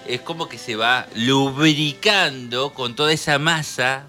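A man with an Argentine Spanish accent hosting a radio show, talking in an animated, joking way and laughing often. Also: medium pitch, measured pace, soft background music. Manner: animated, laughs often while telling jokes. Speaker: radio host. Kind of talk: jokey radio talk. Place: radio studio.

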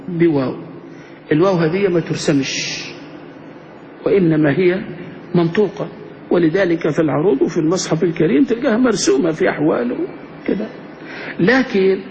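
Man, fairly high voice, grammar lesson, questions to the class, dull lo-fi sound. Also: slight background noise. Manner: keeps asking the class rhetorical questions. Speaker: sheikh teaching Arabic grammar. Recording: dull lo-fi recording.

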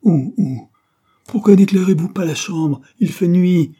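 A man's voice: medium pitch, normal speed, mellow, husky, pitched above the performer's own voice, lightly acted. A man voicing a dying old man who gives solemn, urgent orders from his deathbed, in an audiobook reading. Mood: agitated.

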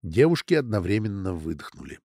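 A man reading a story aloud as a narrator, in an expressive way. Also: fairly quick, vocal fry, breathy edge, no echo, studio quality. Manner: expressive, voices the girls' lines in a raised pitch. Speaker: audiobook narrator. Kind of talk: scripted narration.

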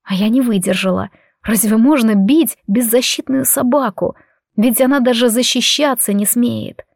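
A woman reading a first-person audiobook story in an expressive, emotional way. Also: on the high side, moderate pace, vocal fry, no echo, studio quality. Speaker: audiobook narrator.

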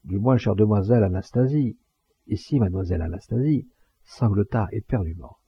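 A man's voice: lowish voice, fairly quick, creaky, breathy edge, no echo, heavily acted. A man voicing a pompous, talkative townsman who gives grandiloquent funeral speeches, in a dull lo-fi recording. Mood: solemn.

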